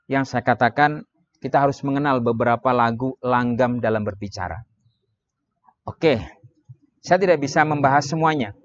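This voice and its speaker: A man's voice: medium pitch, dry recording, highs cut off. Man teaching speech with emphatic rises. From Indonesia. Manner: lively teaching delivery with sudden emphatic rises, drawn-out demonstration phrases. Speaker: Islamic preaching trainer. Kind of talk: training lecture on public speaking.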